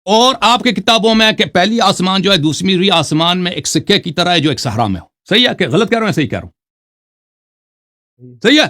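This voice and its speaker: Sharp in tone, high, and full of big pitch swings, this man's voice carries a religious debate in which he cites texts. He reads Arabic quotes aloud and mocks them as he explains, often adding "right?"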